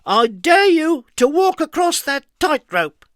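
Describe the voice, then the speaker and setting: A mischievous little troublemaker, voiced by a man reading a storybook, all shrill and loud. She shouts and taunts in a high, cheeky voice. The sound is dry and close. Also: sing-song, slow, dry recording, heavily acted. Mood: taunting. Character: mischievous, naughty little woman.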